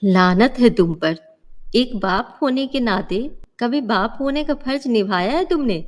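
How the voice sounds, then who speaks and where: A woman's voice: a little high, lively intonation, measured pace. A woman voicing a poor, hardworking mother in a cartoon story, earnest and emphatic. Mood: angry.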